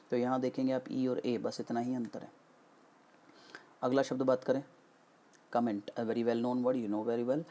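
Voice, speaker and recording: Man teaching vocabulary, gravelly and mellow. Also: mid-range voice. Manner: explains step by step, asks and answers his own questions; slows down to spell out English meanings. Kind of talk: classroom lesson mixing Hindi and English.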